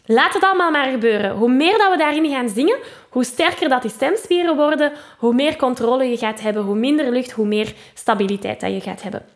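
A woman with a Flemish accent leads a singing lesson in a fairly high voice. She explains registers patiently, tags her sentences with a chatty "hè", and sings short vocal examples as she goes. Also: fairly quick. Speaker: singing teacher and podcast host. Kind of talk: spoken vocal lesson with sung demonstrations.

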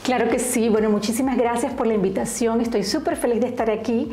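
A woman's voice: fairly high pitch, fast, mellow. A woman from Colombia with a Colombian accent, a guest author telling her story in an earnest, reflective way. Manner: earnest, reflective, with fillers and restarts. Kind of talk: personal storytelling in interview. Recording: roomy echo.

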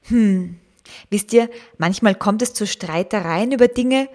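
A gentle storybook father, as a woman puts him on, calm and unhurried as he settles his children's quarrel. His words come slowly and softly, in a soothing tone. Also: mid-range voice, natural voice. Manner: soothing, sometimes hushed.

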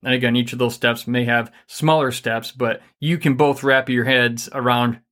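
In a casual faith-based talk about money and marriage, a male co-host rambles energetically and fills his speech with lots of fillers. His voice sits in the mid range and moves at a normal speed.

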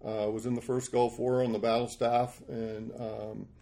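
A man in his sixties, a podcast guest, telling rambling, animated stories about his life. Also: mid-range voice, moderate pace, creaky. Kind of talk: storytelling interview.

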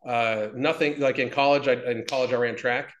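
A man's voice: mid-range voice, steady tone, normal speed. Blunt, profane man in his fifties, echoey room. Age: 50s. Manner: blunt and profane, rambling with many restarts. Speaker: interview guest, fitness business owner. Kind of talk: casual interview talk.

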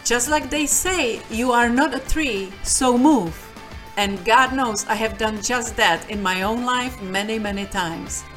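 A woman's voice: on the high side, a little slow, a bit bright, soft background music. A woman with a Czech accent hosting a podcast interview, upbeat and inviting, with emphatic delivery. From Czech Republic. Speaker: podcast host. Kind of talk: podcast interview with scripted intro.

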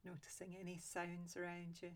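Female meditation guide: low and steady, soft and unhurried, long calm pauses. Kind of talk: guided loving-kindness meditation.

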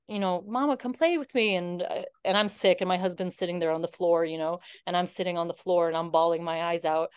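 A woman's voice: on the low side, clear, resonant tone, no echo, studio quality. A woman guest in her thirties telling her story in a casual interview, earnest and heartfelt, with many fillers. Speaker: podcast guest.

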